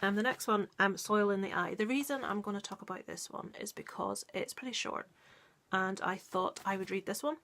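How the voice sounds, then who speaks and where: A woman's voice: mid-range voice, brisk, fairly bright tone, a little hiss or hum. Earnest woman reviewing a book. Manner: earnest, with many ums and restarts. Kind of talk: casual book review, reading a story aloud.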